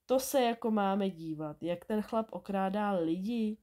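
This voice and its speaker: A woman reading a storybook aloud and voicing a bossy, quick schoolgirl who scolds her friend. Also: medium pitch, dark tone, lightly acted. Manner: brisk and scolding.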